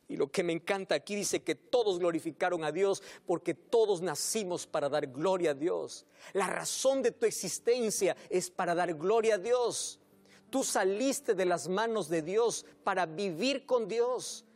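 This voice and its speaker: A man preaching a sermon as a pastor, fervent and repetitive, growing quiet and tender toward a closing prayer. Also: high-pitched, unhurried. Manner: impassioned preaching, turning soft and hushed for the closing prayer.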